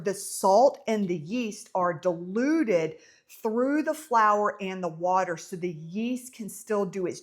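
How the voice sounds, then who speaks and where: A woman with a Southern accent giving a casual, chatty baking tutorial in a home kitchen, full of ums and small self-amused asides. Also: mid-range voice. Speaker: home baker teaching a bread recipe.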